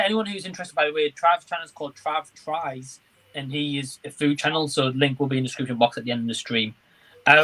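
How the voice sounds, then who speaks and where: A man hosts a casual livestream, chatting agreeably, rambling a little, and reading out viewer comments. His voice is on the high side, bright and forceful, though the audio is poor.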